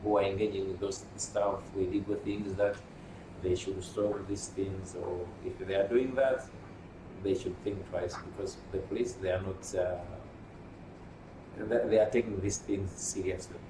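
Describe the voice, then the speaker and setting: A man from Malawi, a union secretary general, explaining things carefully in an interview, with frequent pauses. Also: sits low, steady tone. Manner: measured, explanatory, with hesitations. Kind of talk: interview answers. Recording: roomy, distant mic with noise.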